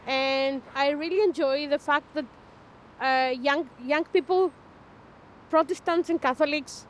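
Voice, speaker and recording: A woman in her fifties with a Greek accent and a high-pitched voice talks earnestly in a documentary interview. She pauses now and then with fillers. A faint hiss of noise sits behind her. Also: low-quality recording. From Greece. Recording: light background noise.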